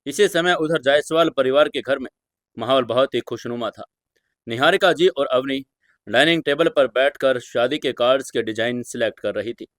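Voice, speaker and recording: A man narrating a scripted audio drama in a dramatic, steady storytelling manner. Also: medium pitch, no room sound, studio quality.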